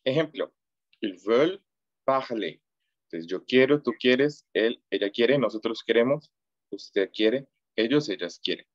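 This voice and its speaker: A man teaching an online French class, drilling verb forms slowly and patiently. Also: mid-range voice, lively intonation, no echo, lo-fi sound. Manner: slow, patient drilling of conjugations. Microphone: video call.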